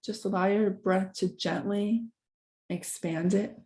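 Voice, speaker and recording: A woman with a medium-pitched voice guides a meditation, offering soft instructions. She speaks calmly, gently, and without hurry, leaving long pauses.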